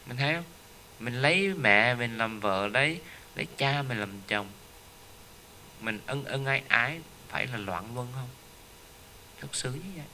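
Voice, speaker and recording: A man delivers a Buddhist teaching as a story. His voice is very bright and forward. A faint hiss of background noise sits under the recording. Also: mid-range voice, lively intonation, a little slow, long pauses. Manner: storytelling, with frequent rhetorical "right?" tags. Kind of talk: dharma talk.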